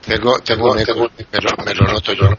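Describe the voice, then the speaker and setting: Low-voiced man on a headset mic over an echoing call, hesitant, with a loud crowd behind. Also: fairly even intonation, fairly quick, highs cut off. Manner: hesitant, repeats words. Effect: headset mic with echo on a video call. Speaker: discussion participant. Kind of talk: casual online discussion.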